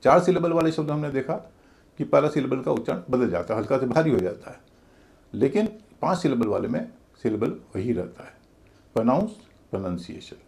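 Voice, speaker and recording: A man teaches English pronunciation in a video class, with a gravelly edge to his voice. His pitch rises and falls a lot as he spells out letters and chants the stress of each word, in a middle register. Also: lively intonation, a little fast, darkish tone.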